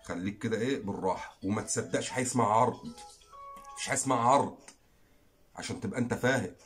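A man's voice: lowish voice, very fast, faint music behind. A man with an Egyptian Arabic accent, hosting a fishing channel and making an earnest, pleading direct-to-camera appeal, repeating phrases for emphasis.

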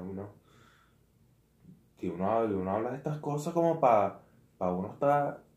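Slow, halting man preaching casually. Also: deep voice, vocal fry, mellow. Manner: halting, self-correcting, slangy asides. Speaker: lay preacher. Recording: roomy echo.

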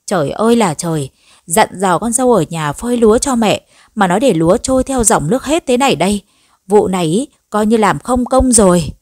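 A woman voicing a sharp-tongued, nagging old mother-in-law in a storybook reading. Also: mid-range voice, expressive, fairly quick, no echo, clean studio sound, close to an everyday voice. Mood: scolding. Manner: nagging, sarcastic scolding.

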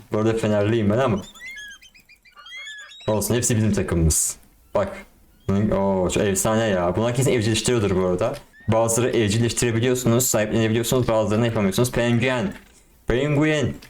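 A young man giving casual, excitable commentary on a game and talking to his viewers in slang. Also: lowish voice, a little hiss or hum. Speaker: gaming YouTuber.

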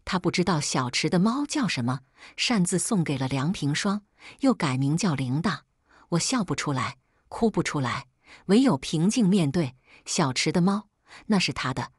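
A woman narrating a first-person story in a measured, sorrowful way. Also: sits low, big pitch swings, husky, no echo, studio quality.

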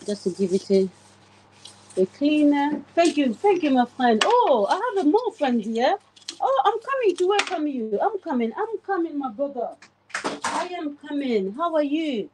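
While scrubbing her oven in her home kitchen, a woman in her forties chats on a livestream and greets viewers by name, filmed by a phone camera aimed at the oven. She sounds high-pitched and very animated at a moderate pace, with background noise present.

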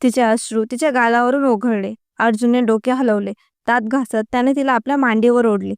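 A woman narrating a story in an even, unhurried reading voice. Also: on the high side, clear, resonant tone, dry recording, studio quality.

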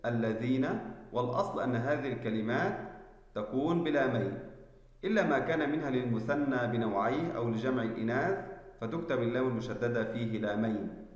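A male teacher giving a spelling lesson, explaining slowly and deliberately and checking that students follow. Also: mid-range voice. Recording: echoey room with long reverb.

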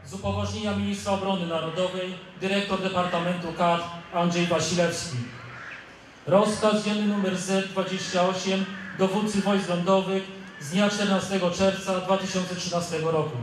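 Heavily echoing PA, high male voice, formal military order reading, outdoors, faint noise. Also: little pitch movement, moderate pace, far from the mic. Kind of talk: formal read-out of official orders. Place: outdoors at a ceremony. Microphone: stand microphone through loudspeakers.

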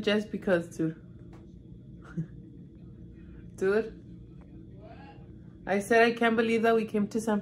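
Filmed indoors on a handheld phone, this twenty-something woman chats her way through a hotel room and hallways, cursing, laughing, and slipping into Spanish now and then. Her voice is mid-range with a somewhat dark tone, over slight background noise.

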